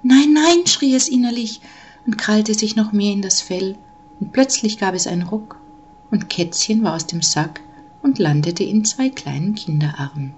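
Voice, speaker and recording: A woman gently reading a children's Christmas story aloud, measured and calm. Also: medium pitch, a little hiss or hum.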